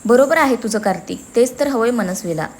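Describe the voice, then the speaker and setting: A woman voicing an emotional, quick-tempered young woman. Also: a little high, lively intonation, darkish tone, slight background noise. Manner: emotional, feisty.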